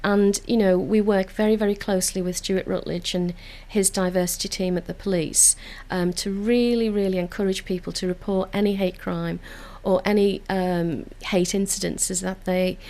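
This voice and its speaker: Earnest and enthusiastic, a council community engagement officer from Liverpool talks about community work during a radio studio interview, frequently restarting with fillers. Her warm, medium-pitched voice keeps fairly even intonation at normal speed, with few pauses.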